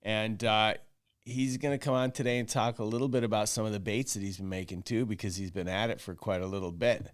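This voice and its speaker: Man, podcast host, lowish voice, loose rambling announcements. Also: fairly even intonation, brisk. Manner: loose announcing, many restarts. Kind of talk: casual podcast chat.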